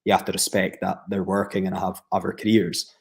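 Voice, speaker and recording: On a podcast, a Scottish professional footballer gives long, steady, reflective answers full of fillers and restarts. His low voice barely shifts in pitch, moving fairly quickly with some vocal fry.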